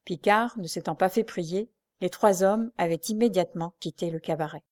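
A woman reading a classic novel aloud as narrator, steady and measured. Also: fairly low pitch.

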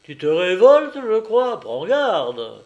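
A man reading aloud and voicing a coarse, brutal tavern keeper who shouts threats gruffly. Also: high-pitched, wildly swooping pitch, slow pace, highs cut off, voice pushed up, heavily acted. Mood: angry threat.

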